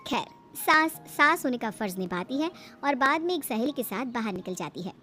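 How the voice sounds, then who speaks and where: A woman tells a cartoon story with dramatic flair. Her voice is high and clear, and faint music plays behind her. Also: expressive, moderate pace, bright, forceful tone. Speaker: narrator. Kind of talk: scripted storytelling narration.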